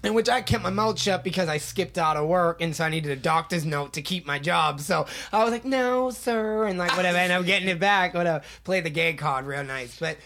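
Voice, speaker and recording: A man talking in a casual chat, relaxed, and swearing freely as he vents. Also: a little high, brisk, hardly any pauses, slight background noise.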